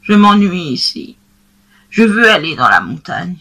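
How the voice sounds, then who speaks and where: A woman voicing a young female goat who longs for freedom, gentle and wistful, in a storybook reading. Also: lowish voice, big pitch swings, unhurried, full character voice.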